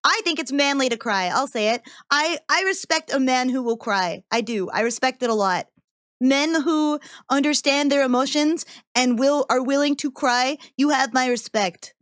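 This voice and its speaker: A woman's voice: high voice, moderate pace, a bit bright, dry recording, studio quality. A woman with the cute manner of an anime streamer, chatty and giggly as she gives casual reaction commentary.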